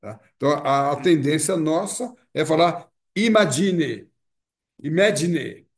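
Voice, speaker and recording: A Brazilian man with a Brazilian Portuguese accent teaches an online pronunciation lesson in a voice on the high side at a moderate pace. He explains patiently, repeats key words, and uses frequent tag questions.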